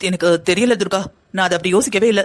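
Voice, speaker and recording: A voice actor playing a gentle young man torn between his mother and his bride, speaking softly and placatingly in a cartoon drama. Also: mid-range voice, fast talker, natural voice. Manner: soft, placating.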